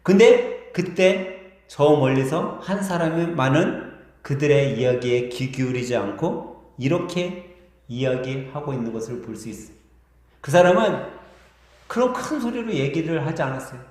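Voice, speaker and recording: Storytelling pastor in an echoey church. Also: male voice, a little high, animated, unhurried, darkish tone. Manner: vivid storyteller, varied pace. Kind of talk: sermon with acted storytelling. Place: church sanctuary.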